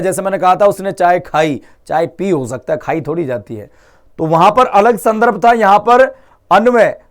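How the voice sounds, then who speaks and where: Lively and high-voiced, a young man teaches Hindi grammar in a live online class, firing the same questions at students again and again while slipping English words into his talk.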